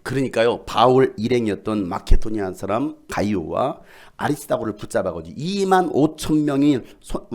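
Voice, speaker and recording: A male pastor preaching a lively sermon, joking with the congregation and shouting. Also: mid-range voice. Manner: animated, shouts and jokes with the congregation. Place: church sanctuary.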